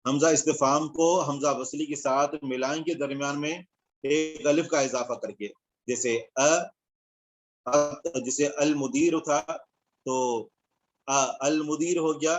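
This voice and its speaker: A man teaching an online Arabic grammar class, explaining step by step and checking in with his students. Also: a little high.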